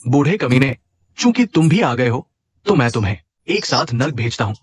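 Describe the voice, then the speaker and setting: A man's voice: medium pitch, very animated, normal speed, husky. A man voicing a scheming male heir who coldly threatens his family. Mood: menacing. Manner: cold, menacing threats. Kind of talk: Hindi drama dubbing.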